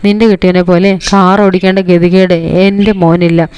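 A woman's voice: lowish voice, little pitch movement, normal speed, a little mellow, clean tone, no room sound, close to an everyday voice. A woman voicing a stern, domineering middle-aged mother-in-law who scolds and boasts about her son. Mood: scolding.

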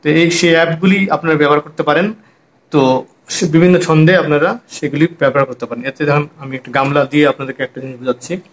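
Slightly high-voiced music teacher. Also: male voice, steady tone, a little hiss or hum. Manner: counts beats aloud slowly, chatty explanations. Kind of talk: harmonium and rhythm lesson.

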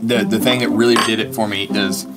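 A man's voice: on the low side, steady tone, a little fast, loud music behind the voice. A man co-hosting a casual taste-test show, chatty and rambling, laughing often between remarks.

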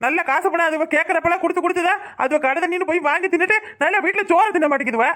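A woman's voice: very high voice, very fast, fairly bright tone. A woman voicing a stern old grandfather who scolds his daughter-in-law and grandson, with a southern Tamil Nadu accent. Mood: scolding. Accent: southern Tamil Nadu, Tirunelveli-Kanyakumari. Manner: scolding, threatening.

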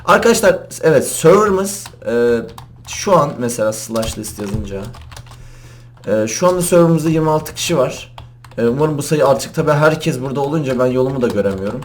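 A young man doing casual gaming commentary, excitable, often laughing and shouting as he plays. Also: medium pitch, slight background noise. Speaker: gaming YouTuber. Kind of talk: casual Minecraft parkour commentary.

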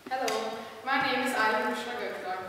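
A woman's voice: fairly high pitch, fairly quick, background noise. A young woman born in Austria, a student carefully reading a school presentation in a wood-panelled hall. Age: young adult. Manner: careful reading, listing items. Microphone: far camera. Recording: echoey hall from far off.

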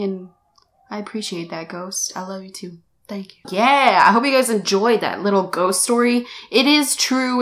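A young American woman in her twenties, a vlogger, tells a story to camera in a small room, chatty and rambling and often correcting herself. Her voice is medium-pitched with a fairly bright tone, picked up by a camera-mounted shotgun mic.

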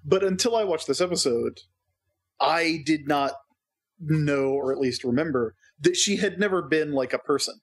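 Male podcast co-host, husky tone, chatty and digressive. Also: on the high side, moderate pace. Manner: chatty, digressive, laughs often. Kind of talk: casual chat.

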